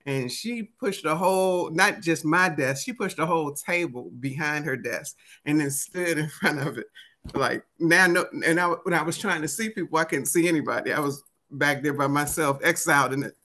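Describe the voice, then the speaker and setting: A woman's voice: low-pitched, moderate pace, pushed and bright. A woman in her fifties with a Washington DC accent, telling personal stories conversationally as an interview guest and voicing remembered dialogue. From United States, Washington DC area. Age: 50s. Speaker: interview guest, author and motivational speaker. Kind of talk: animated conversational storytelling.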